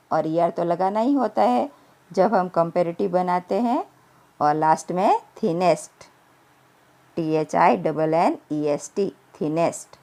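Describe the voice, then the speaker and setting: Woman teacher, unhurried, deliberate delivery, spells words letter by letter. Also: fairly low pitch, darkish tone. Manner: mixes Hindi and English, spells words letter by letter; slow deliberate English phrases, quicker Hindi explanations. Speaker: primary school English teacher. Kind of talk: recorded grammar lesson.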